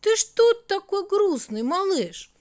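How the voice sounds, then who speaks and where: A woman voicing Night, a gentle, motherly figure who soothes and sighs in a storybook tale. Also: high-pitched, big pitch swings, a little slow, voice pushed up. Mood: soothing. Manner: soothing, sighing.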